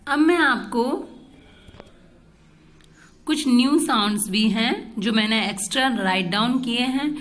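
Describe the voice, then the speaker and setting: A woman's voice: fairly high pitch, measured pace, pauses often, a bit bright. A woman teaching a phonics lesson for children, spelling each word letter by letter before saying it, mixing Hindi with English teaching phrases. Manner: spells out letters one by one, then says the word.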